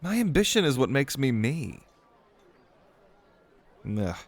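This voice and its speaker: This mid-range male voice is very animated, slow, husky, pushed up and exaggerated. He acts the part of a proud, eager young mage prince of noble birth, speaking to the listener in an earnest, theatrical, grandly explanatory style with a wistful, ambitious air.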